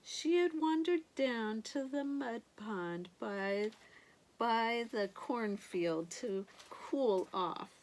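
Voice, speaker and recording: Sweet older woman reading stories, unhurried and lively. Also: fairly high pitch, low-quality recording. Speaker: grandmother reading picture books to children. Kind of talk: animated read-aloud storytelling with asides to young listeners.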